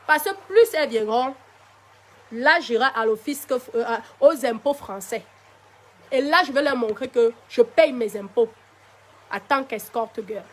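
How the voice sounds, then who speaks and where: A woman's voice: fairly high pitch, a little slow. A woman with a Cameroonian French accent talking live to her viewers, defiant and tired, her voice still recovering. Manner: defiant, addresses viewers directly with pet names. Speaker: live-stream host. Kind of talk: casual live-stream monologue.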